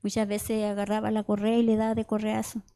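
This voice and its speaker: A woman's voice: medium pitch, monotone, a little fast, warm tone. A middle-aged woman gives a conversational sermon mixed with personal testimony, often restarting words and checking in with "¿cierto?". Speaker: church member preaching.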